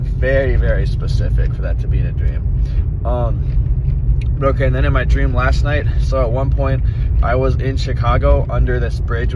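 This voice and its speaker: A young man recounts things in a casual, rambling way, sounding hazy and a little puzzled as he gropes for details. His voice sits at an average pitch. The recording is dull, with very loud noise like traffic or an engine behind him. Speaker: vlogger keeping a dream journal. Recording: dull audio with loud vehicle-like outdoor noise.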